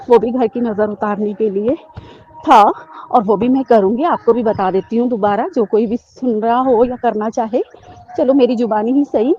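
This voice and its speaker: A woman in her thirties talks to her spiritual community, rambling earnestly through personal stories and pausing often. Her voice sits a little high and sounds mellow and dark. The recording is dull and lo-fi. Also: slight background noise. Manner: earnest, rambling storytelling with frequent fillers. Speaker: devotee sharing satsang talk. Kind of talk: devotional personal talk to followers.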